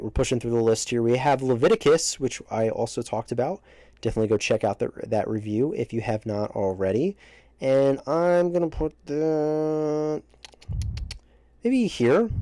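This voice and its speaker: A man with a fairly dark, mellow voice reviews films in a casual, opinionated way. He speaks emphatically but haltingly, cutting into his own sentences as he goes. The sound is close and dry, right up on the mic. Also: medium pitch, no room sound. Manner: halting, self-interrupting, emphatic. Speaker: movie reviewer ranking films. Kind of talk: casual opinionated video commentary. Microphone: close microphone, breaths hitting it.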